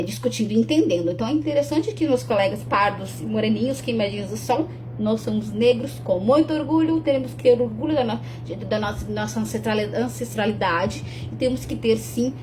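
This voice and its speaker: A young adult woman from Rio Grande do Sul, Brazil, speaks earnestly to the camera in a casual talk promoting her own talk. Her voice is fairly high, and she often restarts sentences and adds tag questions. There's noticeable background noise.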